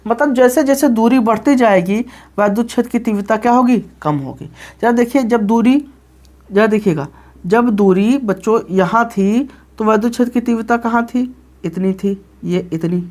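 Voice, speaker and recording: A man teaches a physics lesson in a rather high voice. He talks straight to his students, asking a question and then answering it himself. He repeats key phrases and keeps checking that they follow. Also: normal speed, darkish tone. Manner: calls the students "children" and checks "okay?" often. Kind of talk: classroom lecture explaining graphs.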